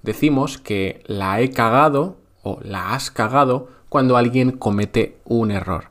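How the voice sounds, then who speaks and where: A man from Spain teaches learners in a scripted podcast lesson. He speaks at a mid pitch and explains patiently with examples. His delivery is playful, with dry jokes. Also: measured pace, fairly bright tone. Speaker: podcast host teaching Spanish. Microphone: podcast microphone.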